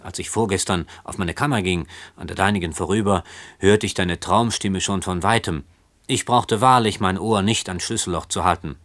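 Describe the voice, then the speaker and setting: Reading aloud in clean studio sound with no echo, a man with a low, slightly bright voice at normal speed plays a timid young man, a fearful cousin. The character pleads and whines.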